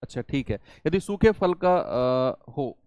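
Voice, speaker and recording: A man's voice: mid-range voice, expressive, slow, darkish tone, smooth, no room sound, clean studio sound. A man teaching a math lesson, explaining problems step by step and asking his students questions as he goes.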